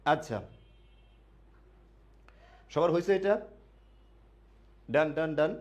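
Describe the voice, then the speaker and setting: A male teacher leads admission students through grammar in a live online session, questioning them, supplying the answers himself, and repeating key words slowly. His voice is on the high side.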